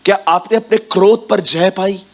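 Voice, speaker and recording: Man preaching with a slightly high voice. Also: normal speed. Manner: lively, addresses the congregation with direct questions. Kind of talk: sermon to a congregation. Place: church before a congregation.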